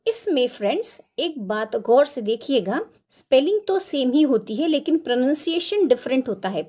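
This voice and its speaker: A woman's voice: high-pitched, mellow. A woman with an Indian accent teaching English vocabulary, spelling words out letter by letter and often checking in with "right?". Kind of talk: explaining lesson.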